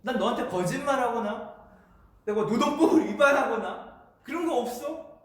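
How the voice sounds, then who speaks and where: A man's voice: extremely high pitch, expressive, normal speed, far from the mic. A man voicing a vineyard owner who firmly explains that he paid what was promised. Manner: firm matter-of-fact explaining. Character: vineyard owner, firm, self-justifying. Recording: echoey church hall.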